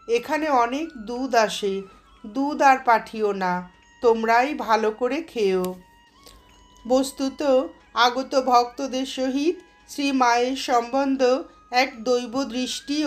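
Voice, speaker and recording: A woman narrating a devotional story in a slow, measured, reverent reading. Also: fairly high pitch.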